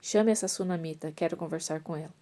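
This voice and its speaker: A woman reading as an old prophet, mellow and low. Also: fast talker, natural voice. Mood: calm instruction. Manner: reads with small restarts and self-corrections. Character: elderly male prophet, calm and authoritative.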